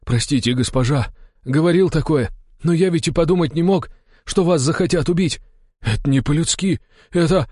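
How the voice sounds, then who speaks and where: A man's voice: on the high side, normal speed, darkish tone, husky, no room sound, studio quality, pitched above the performer's own voice. A man voicing a bewildered, loyal guardsman in an audiobook, stunned and pleading.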